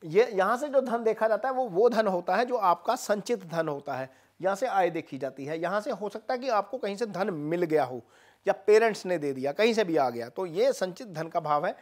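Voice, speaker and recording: An astrologer explaining a horoscope to viewers in a steady, explanatory way, pausing often with "uh" fillers. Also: mid-range voice.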